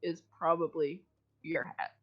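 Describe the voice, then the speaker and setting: A woman game master narrating a tabletop game casually, in a halting, hesitant way. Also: deep voice, fairly even intonation, muffled recording.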